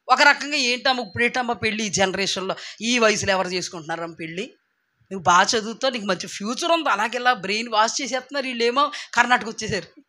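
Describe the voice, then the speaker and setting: A young woman with a Telugu accent giving a sermon, telling her own testimony and acting out the voices of the people in it. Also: fairly high pitch. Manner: animated storytelling, acting out quoted voices. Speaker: preacher.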